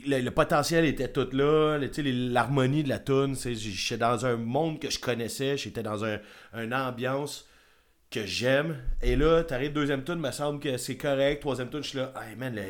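A man's voice: mid-range voice, fairly even intonation, normal speed. A man with a Quebec French accent hosting a casual music review chat, rambling and enthusiastic with casual swearing. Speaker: podcast host.

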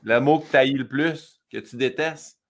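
A man with a Québécois accent hosting a casual podcast chat, quick and chatty, often laughing. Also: medium pitch, fairly bright tone. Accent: Québécois French. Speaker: podcast host.

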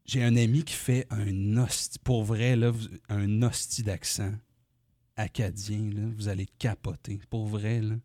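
Quebec guy hosting a comedy chat, animated and joking around. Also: on the low side, measured pace. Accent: Quebec French. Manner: animated, laughing, restarts. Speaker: podcast host.

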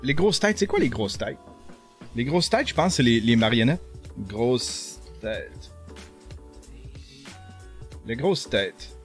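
Speaking slowly with long pauses, this middle-aged man with a Quebec French accent acts as a streamer, offering loose, playful commentary on a video. He's lively but fumbles his words, his voice sits at a medium pitch, and soft music plays faintly in the background.

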